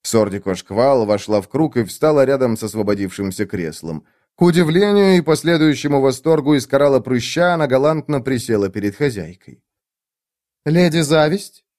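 Male narrator with a mid pitch and a lively, varied delivery in an audiobook; dry, close sound. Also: a little fast, no echo.

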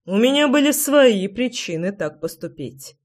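A reader voicing Fieri, a calm and firm father who speaks in a measured way. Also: very high-pitched, voice pushed up.

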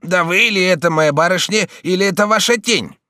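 A man's voice: sits high, lively intonation, normal speed, pushed and bright, no echo, clean studio sound, pitched above the performer's own voice, full character voice. A man voicing an alarmed, protective old female servant in an audiobook, crying out shrilly.

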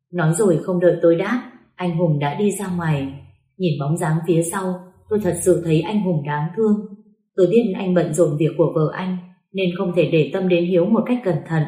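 A woman reading a first-person story aloud as an audiobook narrator, with steady, emotional delivery. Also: lowish voice. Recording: roomy echo.

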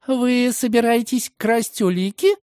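A man voicing a proud, sharp-tongued young woman who talks in a high, accusing tone. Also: big pitch swings, measured pace, no room sound, studio quality. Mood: indignant.

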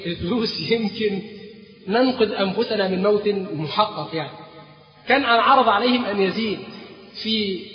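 A man's voice: high voice, moderate pace, pauses often, faint music behind. A man with an Egyptian accent giving a religious history lecture, telling the story and prompting his listeners with fill-in questions. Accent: Egyptian Arabic. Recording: dull, echoey hall recording.

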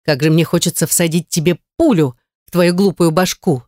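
A woman's voice: fairly low pitch, fairly even intonation, normal speed, a little mellow, no room sound, clean studio sound, natural voice. A woman voicing a vicious, spiteful woman who snarls and whines through her nose. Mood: seething. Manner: snarling, nasal whining.

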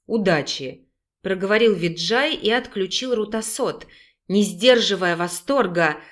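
Lady reading a fantasy audiobook, dramatic, mid pitch voice. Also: measured pace. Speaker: audiobook narrator. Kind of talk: audiobook narration.

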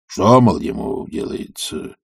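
A man's voice: low-pitched, animated, takes it slowly, gravelly, breathy edge, dry recording, studio quality, heavily acted. A man voicing an old, stubborn male servant who mutters sullenly, in an audiobook. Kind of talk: audiobook character reading.

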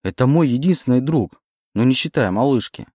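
A man's voice: mid-range voice, animated, a little fast, darkish tone, dry recording, studio quality, pitched above the performer's own voice, lightly acted. A man voicing a withdrawn young orphan in an audiobook, his voice strained and raised. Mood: indignant. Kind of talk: audiobook reading.

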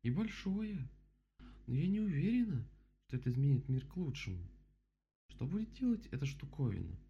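A man voicing a big, earnest female bear with a raised, drawn-out voice in a storybook reading. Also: on the high side, sing-song, vocal fry, warm tone, slightly rough, pitched above the performer's own voice, exaggerated voice. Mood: wondering. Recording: dull lo-fi with faint hum.

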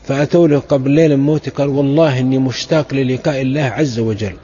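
A man's voice: medium pitch, steady tone, quick pace, dark tone, muffled recording, slight background noise. A man from Saudi Arabia preaching a sermon, telling stories of early scholars with fervent, emphatic exhortation. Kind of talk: sermon storytelling.

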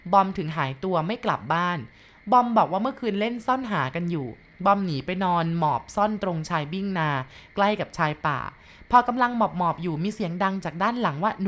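Woman telling a ghost story, lowish voice. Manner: polite, gentle storytelling with soft end particles. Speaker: ghost story channel host.

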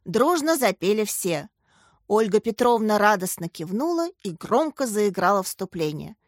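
A woman's voice: medium pitch, expressive, moderate pace, dry recording, studio quality. Woman reading a children's story aloud. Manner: reads every character in turn. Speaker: audiobook narrator. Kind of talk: scripted narration.

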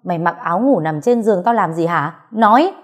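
A fierce young wife in an audio story, as a woman acts her out hurls loud, combative retorts. Her normally low voice is pushed higher and louder in these lines. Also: expressive, brisk, close to an everyday voice. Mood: furious.

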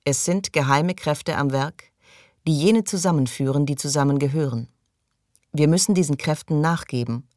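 A woman reading an audiobook and voicing a calm, self-assured man who speaks in a measured, unruffled way. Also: deep voice, no echo, clean studio sound, close to an everyday voice.

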